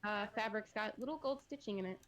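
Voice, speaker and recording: A woman's voice: medium pitch, fast, a crowd in the background. A woman chatting casually with a friend during a gaming stream, teasing and laughing easily. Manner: giggly, teasing. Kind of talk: casual chat while gaming.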